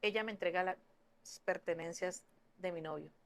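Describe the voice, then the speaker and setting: A young woman telling a personal story in an earnest way, with halting restarts and fillers. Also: lowish voice, fairly even intonation. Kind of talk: personal story told to camera.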